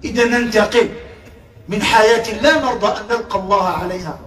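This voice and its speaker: A man with an Algerian accent preaching to a live crowd, passionate, swinging from shouts down to hushed tones. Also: high-pitched, fairly quick, roomy sound, distant mic. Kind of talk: sermon to a live audience.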